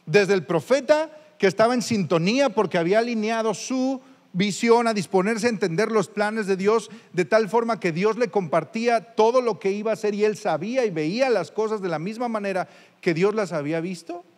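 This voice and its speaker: A man delivers a sermon to his congregation, his voice sitting unusually high for a man. He speaks conversationally and keeps turning to his listeners with direct questions. A long hall reverb trails after his words in the church. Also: a little fast. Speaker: pastor.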